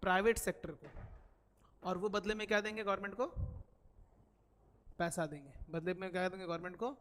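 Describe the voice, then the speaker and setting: A man's voice: high voice, a little fast, fairly bright tone. Male coaching teacher, lecture style, asks and answers his own questions, English, long hall reverb. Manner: repeats key figures, asks questions then answers them. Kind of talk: classroom lecture. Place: coaching classroom.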